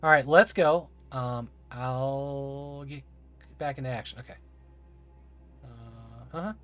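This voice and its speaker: A man's voice: medium pitch, takes it slowly, fairly bright tone, no echo. A man streaming a game, chatting casually and enthusiastically with laughing asides. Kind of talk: casual live-stream chat while playing.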